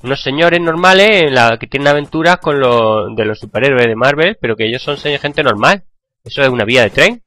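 A man with a Spain Spanish accent, hoarse from a cold, chatting and joking with viewers while playing a game. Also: medium pitch, lively intonation, brisk, pushed and bright, no room sound. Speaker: gaming channel host. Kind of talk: gameplay commentary.

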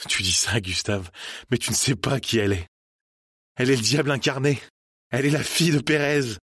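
A man's voice: mid-range voice, a bit bright, husky, no room sound, clean studio sound, voice pushed up. A man doing an enraged young woman. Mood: bitter. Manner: furious, hurried.

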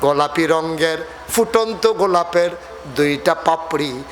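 A Bangladeshi man preaching a dramatic storytelling sermon, acting out dialogue with emotive, drawn-out calls. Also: fairly high pitch, a little hiss or hum. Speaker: Islamic preacher.

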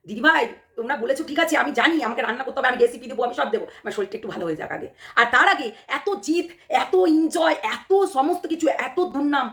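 Hoarse, fast-talking woman vlogger. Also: high voice, fairly bright tone. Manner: heated and emphatic, repeats phrases, fires rhetorical questions. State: hoarse from a cold. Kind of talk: casual direct-to-camera commentary.

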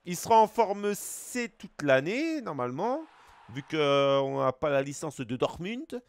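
A man's voice: on the high side, sing-song, measured pace, clean tone. A Belgian man with a Belgian French accent, streaming live as he opens packs, greeting chat viewers and swearing casually.

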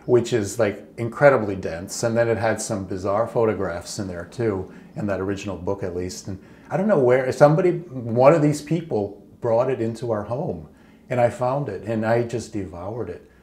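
A man of about sixty from Michigan chats openly in a seated home interview, his voice sitting fairly low. The talk is relaxed, with easy fillers. The room gives it a noticeably echoey sound. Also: normal speed. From Michigan, United States. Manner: chatty, open, with casual fillers. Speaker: interview guest, channeler. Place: living room at home, indoors. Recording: roomy indoor echo.

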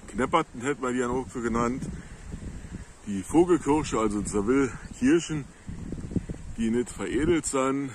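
A man with a Moselle Franconian dialect explaining plants on a casual nature walk outdoors in the countryside, in a halting, unhurried way. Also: medium pitch, background noise. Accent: Moselle Franconian dialect of the Saar-Moselle area. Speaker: local nature video maker.

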